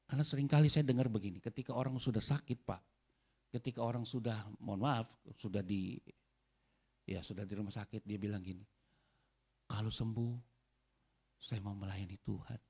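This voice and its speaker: A man preaching a sermon as pastor, animated and often calling out to the congregation. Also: on the low side, normal speed, pauses often, breathy edge. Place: church hall.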